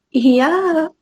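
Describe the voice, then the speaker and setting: Indian woman learning english on a video call, highish voice, slow and hesitant. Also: a bit bright, husky, rough recording. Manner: hesitant, halting, laughs shyly.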